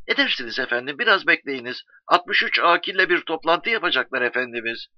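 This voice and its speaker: A man reading a story voicing a polite, formal phone clerk, speaking quietly. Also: on the high side, animated, brisk, no echo, highs cut off, lightly acted.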